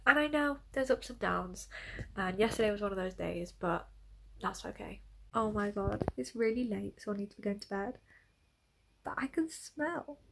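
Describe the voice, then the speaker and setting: A young woman talks casually, as if updating viewers on a personal vlog. Her voice sits at an average pitch for a woman. She speaks candidly and a little self-consciously, often halting as she finds her words. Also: a bit bright, poor audio. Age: young adult. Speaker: vlogger.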